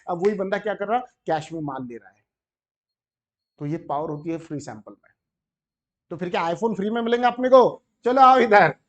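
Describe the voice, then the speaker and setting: Animated high-voiced Indian tutor. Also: male voice. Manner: animated, asks the class questions and acts out shopkeepers. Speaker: commerce tutor. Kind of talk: classroom lecture.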